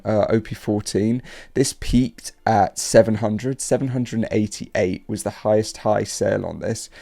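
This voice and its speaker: Host type: sick man, low and mellow, gravelly, loose rambling commentary. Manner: rambling, filler-heavy. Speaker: card market channel host. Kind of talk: casual market commentary.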